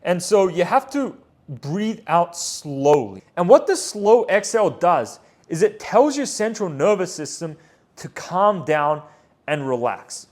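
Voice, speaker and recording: A man explaining pitching training drills in an instructional voice-over, often checking in with "right?" and "okay?". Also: sing-song, unhurried, a little mellow. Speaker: pitching coach and channel host.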